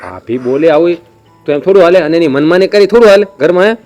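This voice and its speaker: A man's voice: fairly high pitch, lively intonation, fast talker, a little mellow, faint music behind, natural voice. An actor playing a caring young husband, coaxing his wife to tell him what is wrong. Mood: indignant. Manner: coaxing, keeps asking "eh?". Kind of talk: family drama acting.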